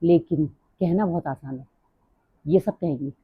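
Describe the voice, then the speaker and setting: A middle-aged woman talking fast and rambling in a casual personal vlog. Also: low-pitched, slightly rough, no room sound. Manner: rambling, drifts off topic. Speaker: vlogger. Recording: dry, tinny phone-like sound.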